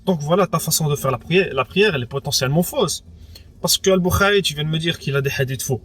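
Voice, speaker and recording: A young man from France of Moroccan background, with Arabic as a first language too, tells his personal story casually as an interviewee. He talks fast in a fairly bright voice on the high side, hesitating a lot, repeating words and relying on fillers such as "entre guillemets" and "quoi".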